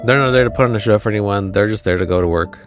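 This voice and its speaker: A man's voice: fairly low pitch, rapid-fire, soft background music. A young man telling comedic travel stories outdoors, self-deprecating with wry asides. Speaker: travel vlogger.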